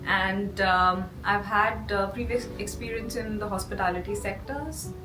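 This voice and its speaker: A woman in her thirties with an Indian accent, introducing herself in a measured way with some fillers. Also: medium pitch. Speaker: interviewee, graduate student. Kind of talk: casual interview. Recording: roomy distant mic with music bed.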